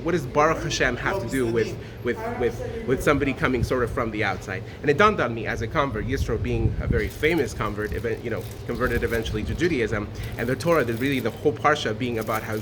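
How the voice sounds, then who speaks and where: A man from Honduras shares a short Torah thought in an earnest, informal way, stumbling through fillers and restarts. His pitch sits in the middle of the male range. A clear background of ambient noise and passing vehicles runs under his voice. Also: quick pace, few pauses. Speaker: guest speaker sharing a Torah thought.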